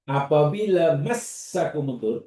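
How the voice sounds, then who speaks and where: A man with a Malaysian Malay accent teaching a religious class, lively, acting out examples and questioning his students. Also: fairly high pitch, unhurried, a little hiss or hum. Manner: questions the class and repeats their answers. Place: classroom or prayer hall. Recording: roomy echo, distant mic.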